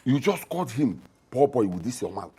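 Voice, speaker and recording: A man's voice: medium pitch, big pitch swings, brisk, mellow, natural voice. An actor with a Nigerian accent playing a scoffing, bossy middle-aged father in a film drama. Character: gruff scornful middle-aged father, mocking and domineering.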